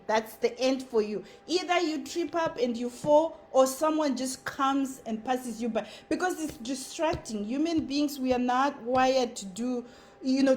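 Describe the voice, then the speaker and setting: Her voice sits high as she, a Zimbabwean-accented content creator, gives an earnest motivational talk. Short phrases come back again and again to press her message.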